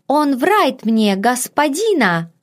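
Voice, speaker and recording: A woman's voice: sits high, sing-song, pitched above the performer's own voice, full character voice. A woman voicing a flustered middle-aged maid who chatters in broken, garbled speech. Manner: fast, garbled, ungrammatical chatter.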